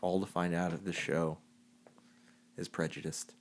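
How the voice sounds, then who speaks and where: Man, low voice, casual podcast co-host, animated, swears casually. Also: a little slow. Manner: animated, swears casually, drifts loud then quiet. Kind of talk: casual chat.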